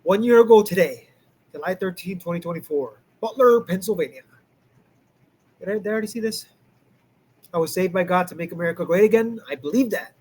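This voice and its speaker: A man's voice: high-pitched, a little fast, pauses often, a little mellow, husky. A man hosting a live stream, reacting to clips in a rambling, chuckling way. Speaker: host.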